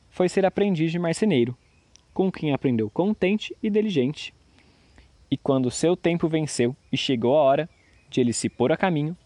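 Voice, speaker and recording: A man's voice: fairly high pitch, mellow, no room sound. A man narrating a fairy tale expressively, doing voices for the figures.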